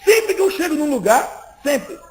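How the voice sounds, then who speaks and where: A man preaching a sermon in a lively, conversational way, acting out small exchanges between people. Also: extremely high pitch, a little slow, low-quality recording. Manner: lively, conversational preaching that acts out little dialogues. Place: church meeting, indoors.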